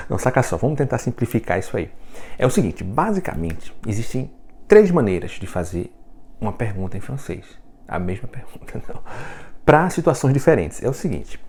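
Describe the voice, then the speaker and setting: Lively, joking Brazilian man teaching. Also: on the low side, a little hiss or hum. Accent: Brazilian Portuguese. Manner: jokey, laughs at his own puns; chatty, checks in with "né?" and "tá?". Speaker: French teacher. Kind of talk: casual video lesson.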